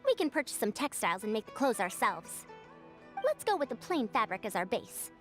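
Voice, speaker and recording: A woman's voice: on the high side, sing-song, fairly quick. A woman voicing a proud, old-fashioned woman scholar in a game, speaking in a confident, matronly way. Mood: self-assured. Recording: game audio with music behind.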